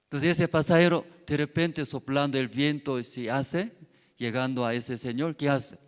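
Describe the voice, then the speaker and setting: A male pastor who tells a fable in a sermon. He speaks halting Spanish and keeps checking in with the congregation through short questions. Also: mid-range voice, clean tone. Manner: halting Spanish, tagging phrases with questions to the listeners. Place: church hall. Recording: long reverb of a church hall.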